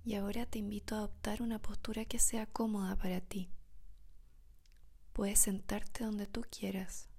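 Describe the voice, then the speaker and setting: A woman whispers a guided meditation in the soothing manner of a sleep story narrator, speaking softly with long pauses. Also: medium pitch, level tone, slightly rough.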